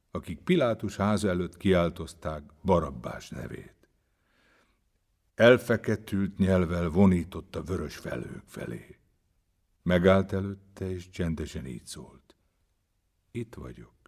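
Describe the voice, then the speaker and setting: A man with a very low voice reads a literary tale aloud. His delivery is measured and quiet, with a deep, steady tone. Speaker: reader. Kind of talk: literary story reading.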